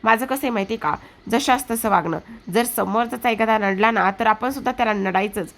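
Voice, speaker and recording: A woman's voice: a little high, a little fast, lightly acted. A woman voicing a bold, cheeky young village girl who teases and talks nonstop. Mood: sassy. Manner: chatty, teasing, rambling nonstop.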